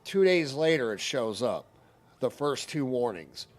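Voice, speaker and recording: A man's voice: mid-range voice, very animated, measured pace. A man telling a story on a stream in a casual, heated, profane ranting manner.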